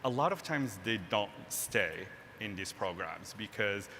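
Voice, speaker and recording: A Moroccan man who founded a tech nonprofit community is interviewed as a guest on a live event stage in a large hall. His voice is fairly low, bright and forceful, with lively intonation and an unhurried pace, and he speaks earnestly, often tagging his points with "right?" The hall is echoey, with faint noise.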